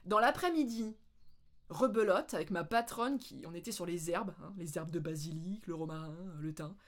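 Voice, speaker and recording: A French woman vlogging, telling anecdotes in a casual, animated way with lots of laughter. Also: fairly low pitch, moderate pace. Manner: animated, laughing, with playful English mimicry. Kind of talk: casual storytelling.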